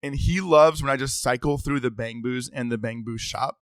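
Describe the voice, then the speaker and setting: A man's voice: medium pitch, a bit bright, no echo. An eager man co-hosts a podcast, chatting casually and breaking into laughs. His voice sits in the middle range, and the recording is dry and close on the mic. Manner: eager, quick restarts, laughs often. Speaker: podcast co-host. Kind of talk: casual gaming chat.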